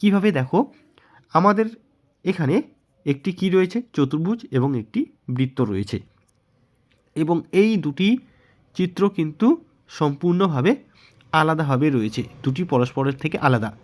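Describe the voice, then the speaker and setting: Bengali man teaching a mock test. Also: a little high. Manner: patient, asks then answers own questions. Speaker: exam prep teacher. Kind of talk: explaining mock test answers.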